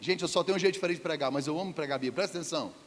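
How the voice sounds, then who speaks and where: Man preacher, high voice, playful and joking, reverberant church hall. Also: very fast. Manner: playful, jokes and asks the congregation questions. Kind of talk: humorous sermon. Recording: church hall reverb, faint background noise.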